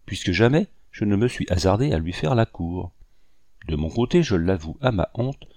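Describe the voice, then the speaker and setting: Give me a man voicing a composed young gentleman, coldly polite, in a dry recording. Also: low voice, no echo. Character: young man, cool and formal.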